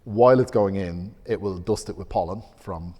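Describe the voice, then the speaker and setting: A man's voice: deep voice, moderate pace, darkish tone, long reverb tail. A man co-hosting a casual podcast, explaining science with hesitant restarts and laughing at his own jokes.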